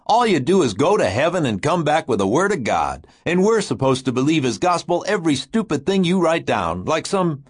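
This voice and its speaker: A man voicing a big, agitated, blustering man who talks in a husky, urgent voice. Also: fairly high pitch, very animated, moderate pace, hardly any pauses, voice pushed up. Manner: shouting, urgent, withering.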